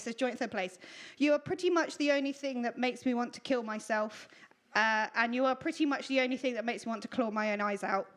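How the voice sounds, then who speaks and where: At a live storytelling event, a woman with a high, fairly bright voice presents the winners of a writing contest. She reads out the entries and makes announcements informally, giggling, joking and poking fun at herself.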